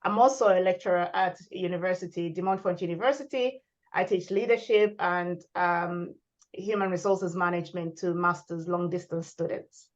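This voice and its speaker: A woman from Zambia, a guest at a panel discussion on leadership, introducing herself in a measured way. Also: fairly low pitch, fairly even intonation, highs cut off. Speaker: guest speaker, leadership lecturer.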